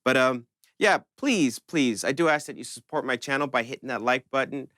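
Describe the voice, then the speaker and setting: A man with a medium-pitched, sharp voice talks at a moderate pace, the sound clean studio quality without echo. Hosting a synth tutorial channel, he explains things step by step in an informal, conversational style.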